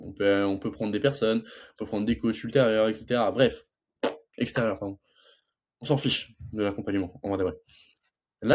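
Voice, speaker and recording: A man's voice: medium pitch, a little mellow, breathy edge. A young man coaching sales closing in a casual talk, stuttering and restarting often, and acting out both sides of a sales call. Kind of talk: casual teaching monologue.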